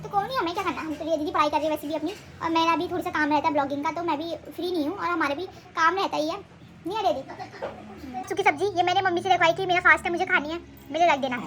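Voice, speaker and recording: Young woman, chatty home vlogger, very high voice, rattles on at speed. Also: fast, fairly bright tone, slight background noise. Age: young adult. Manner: rambling, chatty, self-correcting. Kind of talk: casual home vlog chat. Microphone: handheld phone camera.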